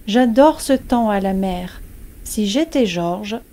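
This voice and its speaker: A woman's voice: mid-range voice, animated, takes it slowly, warm tone. A woman voicing a cheerful Englishman visiting the French seaside, friendly and eager with his questions.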